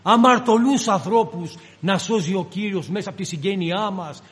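A man with a very high voice delivers a sermon, telling the scripture story dramatically and slipping into its characters' voices. His words ring out with the long reverb of a large church hall. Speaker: preacher.

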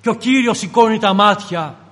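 A man's voice: sits high, fairly bright tone, long reverb tail. A man preaching a sermon with a fervent, pleading delivery.

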